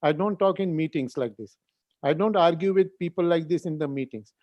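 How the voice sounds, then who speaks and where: A senior neurosurgeon, insistent and lecturing in a heated panel discussion, repeating phrases for emphasis. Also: male voice, on the high side, fairly quick, no echo, dull audio.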